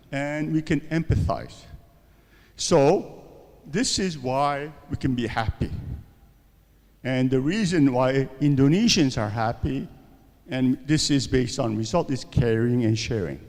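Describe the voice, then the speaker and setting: In a university seminar, a man lectures with a slightly mellow, mid-range voice that carries a big-room sound. Rhetorical questions and frequent "okay?" and "right?" check-ins run through his talk.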